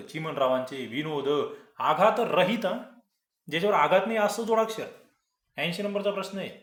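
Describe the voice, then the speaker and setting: A man's voice: on the high side, a bit bright, echoey room. A man, teaching grammar and explaining quiz answers, asking the class rhetorical questions. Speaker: exam-prep grammar teacher.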